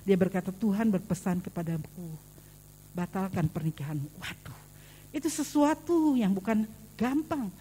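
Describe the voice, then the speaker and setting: A woman's voice: mellow, husky. A woman with a Javanese accent preaching a sermon in church, telling stories and acting out the voices of the people in them. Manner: storytelling, acts out quoted voices, rises high on pleas.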